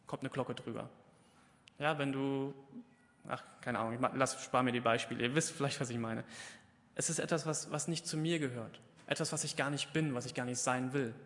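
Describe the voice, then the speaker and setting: A fairly high-voiced man preaches in a church, and his words ring out with a long reverb through the hall. He talks casually, puts questions to his listeners and answers them himself, and grows louder and more emphatic when he retells the biblical dialogue. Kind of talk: Pentecost sermon.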